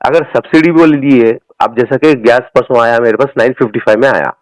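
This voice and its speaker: A man from Telangana, India, with a Hyderabadi accent rants about politics on a recorded phone call, speaking as a party supporter. His mid-range voice moves fairly quickly, with no echo, and his delivery is emphatic and colloquial, full of repeated phrases.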